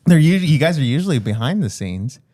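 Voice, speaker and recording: A man's voice: a little high, big pitch swings, fast, dark tone, dry recording. A man hosting a casual podcast, upbeat and friendly as he welcomes guests. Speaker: podcast host.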